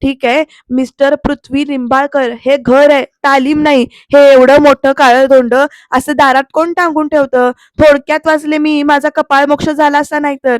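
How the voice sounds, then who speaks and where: A woman reading the lines of a sharp-tongued young woman who scolds a spoiled heir in a loud, mocking way. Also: high voice, fairly even intonation, normal speed, hardly any pauses, dry recording, lightly acted. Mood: scolding.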